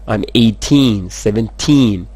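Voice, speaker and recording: A Malagasy-speaking man from Madagascar teaches English, explaining in Malagasy and French. His low voice is warm with a breathy edge, and he alternates fast explanations with slow, careful model sentences.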